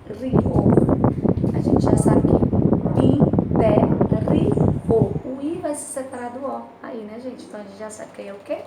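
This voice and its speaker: A Brazilian woman teaching a remote lesson at home, her voice pitched a little high as she patiently walks students through an exercise, slowing down on each syllable. She sits some way from the mic in a roomy space, with loud constant noise behind her. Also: distant mic. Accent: Brazilian Portuguese. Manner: patient, checks in with tag questions, spells out syllables slowly. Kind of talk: remote class lesson, explaining grammar exercises. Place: home room, recorded for a remote class.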